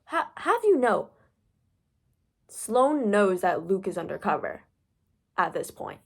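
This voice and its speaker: A woman's voice: mid-range voice, very animated, slow, vocal fry, slightly rough. A young woman giving a casual, profane rant about a book plot, packed with "like" fillers. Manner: profane, filler-heavy storytelling. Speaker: book vlogger.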